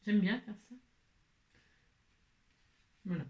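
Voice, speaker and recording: A woman's voice: medium pitch, takes it slowly, dark tone, echoey room, muffled recording. A woman hosting a crafting tutorial, chatting and thinking aloud as she works, often saying "hein" and "voilà". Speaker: craft video host.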